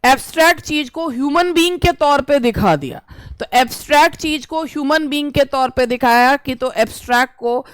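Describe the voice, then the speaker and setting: A woman teacher, reading English exam questions slowly and explaining them at length. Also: high-pitched, no room sound. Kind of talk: exam-prep lesson.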